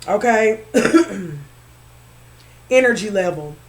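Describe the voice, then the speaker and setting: A woman's voice: mid-range voice, lively intonation, extremely slow. A woman tarot reader giving a chatty, repetitive spiritual reading straight to her viewers. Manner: chatty, repetitive, frequently checking in with listeners; bursts into laughter at herself.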